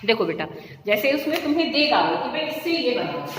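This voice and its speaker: A woman's voice: a little high, very animated, fairly quick. Teaching woman in an echoey room. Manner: explains step by step, checks in with frequent "okay" and "see, dear". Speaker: chemistry teacher. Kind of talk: classroom lecture. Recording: echoey room with long reverb, faint noise.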